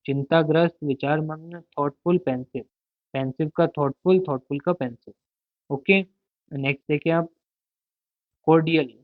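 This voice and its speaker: A man with a fairly high voice teaches a vocabulary lesson. He asks a question, answers it himself and drills each word over and over. The sound is thin and phone-like, with a dry, close feel. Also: steady tone, moderate pace, pauses often, no room sound. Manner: asks a question, then answers it, repeating words.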